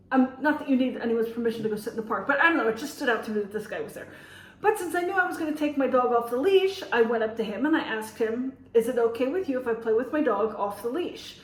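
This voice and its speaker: An American teacher who vlogs rambles casually to her audience, telling stories with many fillers and restarts. Her voice is fairly high, and the poor-quality audio is reverberant and recorded from a distance.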